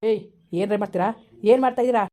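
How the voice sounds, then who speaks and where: A woman acting as a threatening young husband who brandishes a knife in a village comedy skit, shouting insults and warnings. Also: medium pitch, steady tone, racing, lightly acted.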